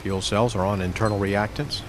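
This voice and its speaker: A man giving formal, measured countdown commentary as a launch announcer. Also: fairly low pitch, steady tone. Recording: clearly noisy launch broadcast feed.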